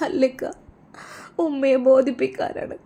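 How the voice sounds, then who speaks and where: A woman's voice: sits high, monotone, unhurried, vocal fry, dark tone, pitched above the performer's own voice, exaggerated voice. A woman with a Malappuram Malayalam accent voicing a heartbroken young woman who pleads tearfully. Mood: pleading. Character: heartbroken young wife, loyal sister.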